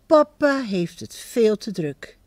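A woman reading a Christmas picture book aloud to children, expressive and speaking to them directly. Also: mid-range voice, slow pace, dry recording, studio quality. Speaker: storyteller.

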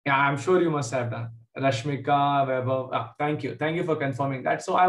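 A man with a South Indian accent teaching a live online maths lesson, informally questioning students and calling on them by name. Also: fairly high pitch. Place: indoor room, online class from a computer. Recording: echoey room.

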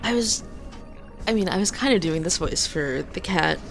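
A woman's voice: on the low side, expressive, normal speed, creaky, soft background music. A woman giving casual video game commentary as she plays, reading on-screen text aloud.

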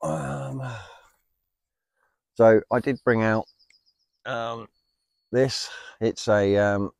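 A man's voice: medium pitch, extremely slow, no room sound. A man chatting casually through a vlog outdoors in the countryside, rambling with lots of ums. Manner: rambling, many ums and essentially. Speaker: vlogger. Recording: outdoor recording with clear background noise.

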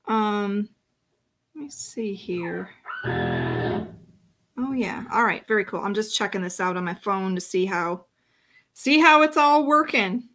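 A woman's voice: mid-range voice, wildly swooping pitch, slow, vocal fry, pauses often, husky, soft background music. A woman running a casual live-stream painting lesson, chatting and talking to herself as she works. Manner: chatty, self-talking while working. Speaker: painting instructor.

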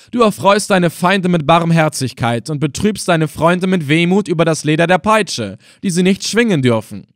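A man reading an audiobook, voicing a loyal, excitable male servant who talks in a lively, pleading and exclamatory way. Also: a little high, no room sound, clean studio sound, pitched above the performer's own voice.

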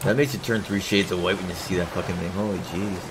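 A man's voice: sits low, steady tone, fast talker, a little hiss or hum, poor audio. A man hosting a game stream, chatting casually and cracking jokes, with the odd swear. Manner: laid-back, joking, swears casually. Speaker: streamer host. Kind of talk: casual gameplay chat.

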